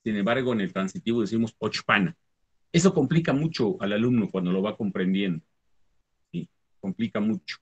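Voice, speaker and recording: Mexican guy from the huasteca, teacher type, kinda raspy voice, explains stuff and keeps asking "¿sí?". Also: fairly low pitch, lively intonation, brisk, lo-fi sound. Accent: Mexican Spanish. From Huasteca region of Mexico. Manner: explanatory, often checks understanding with "¿sí?". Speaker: Nahuatl language teacher. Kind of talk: conversational talk on language teaching.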